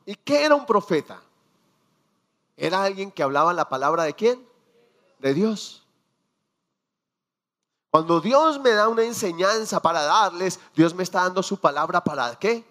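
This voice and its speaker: A man preaching a sermon, quizzing his congregation and acting out quiet prayers and dialogue. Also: high-pitched. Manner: asks the congregation questions and answers them; acts out prayers and dialogue in a hushed voice.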